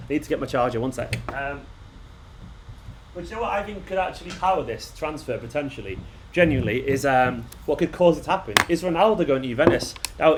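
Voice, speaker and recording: A man's voice: medium pitch, slight background noise. Chatty man live-streaming late at night. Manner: excitable, chatty, jokey banter with viewers. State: tired. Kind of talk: casual live-stream chat reading viewer comments.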